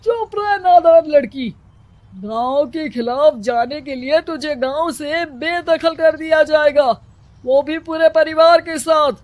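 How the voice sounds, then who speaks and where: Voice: high voice, dry recording. A performer voicing a stern, domineering village headman in a story, with a commanding, scolding manner. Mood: angry. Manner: commanding, scolding, slow deliberate delivery. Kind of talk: dramatized moral story acting.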